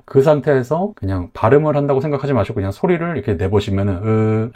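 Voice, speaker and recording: A man's voice: medium pitch, warm tone. A man teaching English pronunciation, explaining patiently and step by step. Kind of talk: explanatory lesson.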